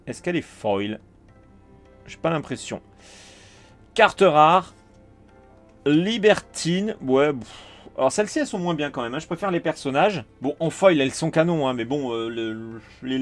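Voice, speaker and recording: A man with a French accent chatting casually while opening trading cards, calling out each card and getting excited. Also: mid-range voice. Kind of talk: casual card-unboxing commentary.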